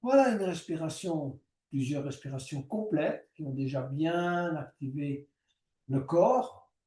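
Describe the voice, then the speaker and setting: Slow, calm male yoga teacher. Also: fairly high pitch, echoey room, far from the mic. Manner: slow, calm step-by-step cues with breathing prompts. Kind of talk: guided yoga class instruction.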